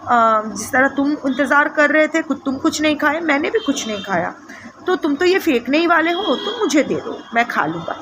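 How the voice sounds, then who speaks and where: A woman's voice: sits high, animated, normal speed, fairly bright tone, a little hiss or hum. A woman voicing a small cowherd boy who is playful and pleading.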